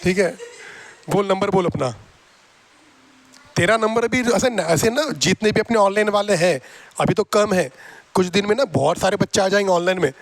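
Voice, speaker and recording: A man teaches a classroom math lesson in a noticeably high voice. He jokes and teases his students, coaxing them again and again to answer. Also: normal speed, pauses often, no room sound. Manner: teasing, joking with students; coaxing and repetitive.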